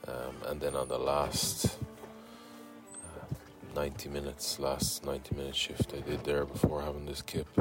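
Worn-out male host, very low monotone, rambling audio diary from a rowing boat, music underneath. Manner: halting, rambling, casual with swearing. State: exhausted from lack of sleep. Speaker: podcast host on a rowing expedition. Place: small ocean rowing boat.

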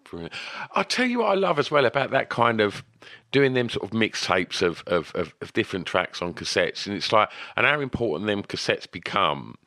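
Animated low-voiced Essex man interviewing. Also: moderate pace, no echo, studio quality. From Essex, England. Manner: chatty, enthusiastic, rambling questions. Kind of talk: casual music interview.

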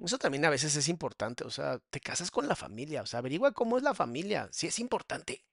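A man's voice: fairly high pitch, big pitch swings, fast, vocal fry, a bit bright, no echo, clean studio sound. A man, a psychologist, commenting casually on a clip and answering viewer questions in a familiar, affectionate way. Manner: casual, calls listener mi amor and bebé. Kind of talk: reaction commentary.

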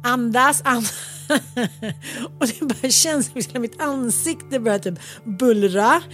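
A woman's voice: on the high side, expressive, faint music behind. A woman from Sweden, telling a personal story in casual chat, acting out quoted dialogue with laughs. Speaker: podcast co-host.

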